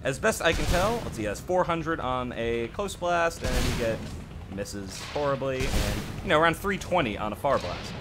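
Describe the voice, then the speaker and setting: A gaming channel host talks casually about a game update, sharing his own opinions with a touch of self-deprecation. His mid-range voice is animated and moderately paced, with background noise behind it.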